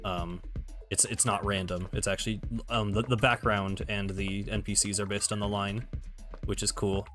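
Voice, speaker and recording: A man's voice: fairly low pitch, flat delivery, moderate pace, fairly bright tone. A man streaming a game, chatting casually in a rambling way with restarts and laughs. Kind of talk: casual gameplay commentary. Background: game music.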